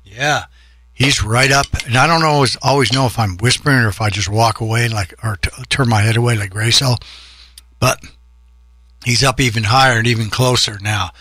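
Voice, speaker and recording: A man's voice: medium pitch, fairly even intonation, moderate pace, pushed and bright. A man hosting a home music podcast, talking in a loose, chatty, upbeat way. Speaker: podcast host. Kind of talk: casual rambling show talk.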